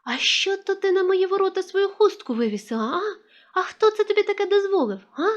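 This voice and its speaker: Shrill scolding old village granny , as a woman reader puts her on. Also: lively intonation, brisk, muffled recording. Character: scolding old village grandmother, suddenly furious.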